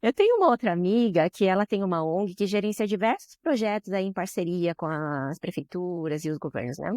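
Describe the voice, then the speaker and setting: A woman's voice: fairly low pitch, lively intonation, brisk, a little mellow, no room sound, clean studio sound. Brazilian woman telling an emotional story. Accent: Brazilian Portuguese. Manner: emotional, frequent tag questions. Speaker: guest, social business director. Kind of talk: storytelling in a podcast interview.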